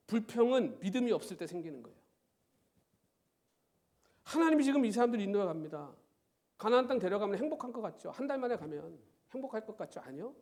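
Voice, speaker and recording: A middle-aged man preaches to his congregation from the pulpit of a church sanctuary. His voice sits high and leaps up and down as he presses listeners with rhetorical questions. The delivery is lively, animated sermon style. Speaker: pastor.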